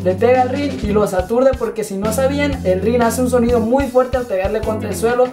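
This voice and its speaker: A man's voice: very high voice, a little fast. A young man giving a casual comic monologue to camera as a video host. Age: young adult. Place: indoors before a painted backdrop. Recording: loud guitar music behind the voice.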